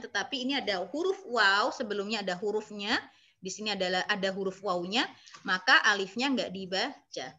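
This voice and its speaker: A woman's voice: fairly high pitch, bright, forceful tone. A woman teaching an online Arabic lesson, explaining patiently step by step and often adding "ya".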